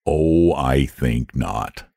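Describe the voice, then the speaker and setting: A man voicing a lazy, cultured male dragon in a slow, drawling, low voice. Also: animated, darkish tone, no room sound, clean studio sound, full character voice. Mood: lazy, solemn.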